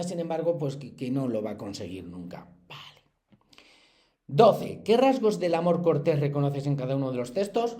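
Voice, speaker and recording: Teacher guy going through homework exercises, kinda high voice, chatty, talks right to the kids. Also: dark tone. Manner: explanatory, chatty, addresses pupils directly, slowly counts syllables aloud. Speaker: secondary school language teacher. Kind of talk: recorded lesson walking through textbook exercises.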